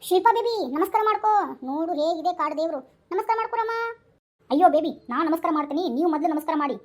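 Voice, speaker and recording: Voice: very high-pitched, lively intonation, rapid-fire, a little mellow. A comic performer talking in a chatty, teasing way in a comedy skit. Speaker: skit creator and main performer.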